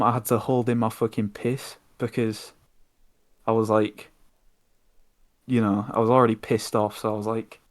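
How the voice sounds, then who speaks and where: A young man hosting a podcast, telling an exasperated, sweary story in casual chat. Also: on the low side. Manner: sweary, exasperated ranting anecdote. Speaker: podcast host.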